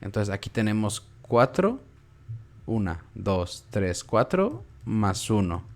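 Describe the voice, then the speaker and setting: A young man with a Mexican Spanish accent gives a relaxed, informal lesson. His voice sits somewhat low, and he explains patiently, repeating words aloud to show where the stress falls. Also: takes it slowly. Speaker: teacher. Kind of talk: casual online class.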